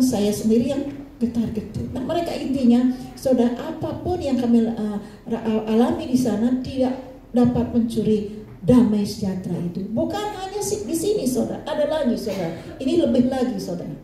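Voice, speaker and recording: An older woman preaches in a chatty, storytelling way and keeps turning to address her congregation. Her voice is dark and mellow but sits fairly high. It is heard from off the mic, in a very echoey room. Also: distant mic, a little hiss or hum. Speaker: pastor. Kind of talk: storytelling sermon. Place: church hall. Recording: roomy echo, voice from off-mic.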